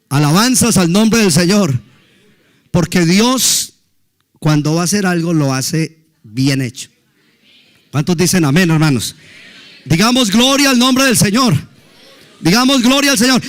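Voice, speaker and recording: Man, pastor, high-pitched, emphatic preaching. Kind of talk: sermon.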